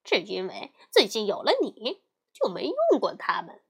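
A woman's voice: medium pitch, huge pitch swings, moderate pace, vocal fry, breathy edge, pitched below the performer's own voice, exaggerated voice. A woman voicing a cheeky, confident male monkey king in a children's storybook reading, talking curtly. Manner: curt, scolding, confident.

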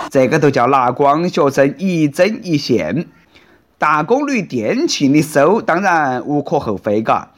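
A man with a Sichuan dialect accent delivering colloquial, storytelling news commentary as a host, in a sarcastic, punchy, folksy way. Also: a little high.

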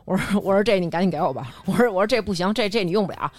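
Fast, animated woman telling stories. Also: mid-range voice, dry recording. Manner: lively storytelling, acts out quoted dialogue. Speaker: podcast host. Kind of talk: casual chat.

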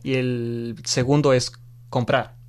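A young man from Ecuador, a student of Chinese, talking relaxed and chatty as an interview guest, laughing easily. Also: medium pitch, slow pace, clean tone. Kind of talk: casual interview conversation.

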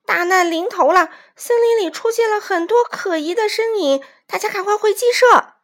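A woman doing a panicky shrill aunt hen. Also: moderate pace, a bit bright. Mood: alarmed. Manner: alarmed, shrill.

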